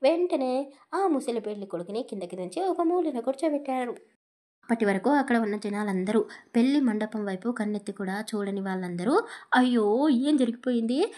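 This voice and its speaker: A woman narrating a romantic audio story with an expressive, dramatic reading. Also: on the high side, fairly quick.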